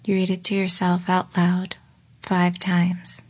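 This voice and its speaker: A woman leading a guided relaxation exercise in a slow, soft voice that often drops into a whisper. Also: on the low side, completely flat delivery. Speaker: meditation guide.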